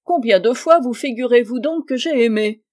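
A prickly, flirtatious spinster with a sharp, piping voice, as a woman reading aloud puts her on. She teases and takes offense quickly, her voice jumping up and getting loud. Audiobook reading. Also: animated. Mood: indignant. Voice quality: sharp, high-pitched voice. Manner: teasing, quick to take offense. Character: shrill, tart, flirtatious spinster.

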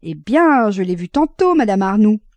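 A woman's voice: medium pitch, sing-song, normal speed, darkish tone, no room sound, pitched above the performer's own voice. A woman voicing a pushy young male law clerk who teases his friend sarcastically. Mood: teasing. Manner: sarcastic, teasing.

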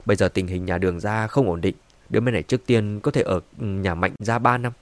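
A man voicing a cunning middle-aged peacemaker who talks soothingly to calm a quarrel, in a dry-sounding audiobook. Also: on the low side, brisk, no echo, natural voice. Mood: placating. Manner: soothing, conciliatory.

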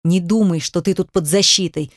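A woman's voice: lowish voice, normal speed, no room sound, clean studio sound, close to an everyday voice. A woman doing a furious stern father. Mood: angry. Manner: harsh, accusing, contemptuous.

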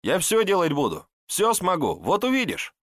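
A man's voice: a little high, big pitch swings, a bit bright, no echo, clean studio sound, pitched above the performer's own voice. A man voicing a scrawny, starving young peasant lad who pleads eagerly for work. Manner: eager, pleading, talks fast. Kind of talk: audiobook character voice.

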